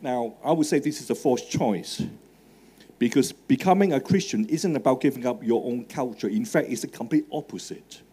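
A middle-aged man with a medium-pitched, mellow, slightly rough voice speaks at a moderate pace. Native in Cantonese with a Hong Kong English accent, he gives a live student talk from the stage of a large marquee tent via a handheld microphone, chatting with fillers and questioning his listeners.

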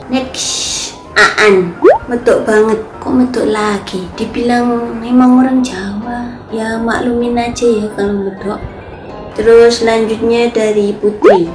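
Javanese girl in her 20s vlogging, cutesy chatty voice, slow talker, echoey room w/ faint music. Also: on the high side. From Central Java, Indonesia. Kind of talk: casual chat reading comments.

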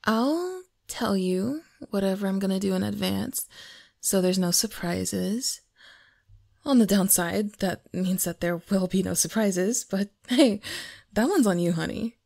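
This ASMR roleplay features a woman voicing a flirtatious female best friend: teasing, confidently coaxing, and adult. Her medium-pitched voice stays breathy and soft, frequently near a whisper, with a slow, intimate pace and soft giggles throughout. The clean studio sound has no room tone.

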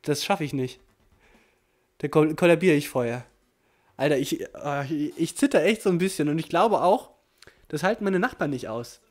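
A man commentating his own football video game match, excitable, swinging from low muttering to shouting. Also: moderate pace, pauses often. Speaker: gaming commentator. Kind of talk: live Let's Play commentary.

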